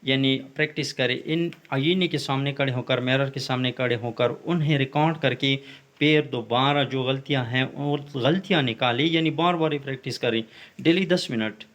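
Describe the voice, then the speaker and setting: Man, English teacher, explanatory lesson, repeats slow English phrases. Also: medium pitch, fairly bright tone. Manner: repeats points in Urdu and slow English examples. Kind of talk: explaining English tips in Urdu.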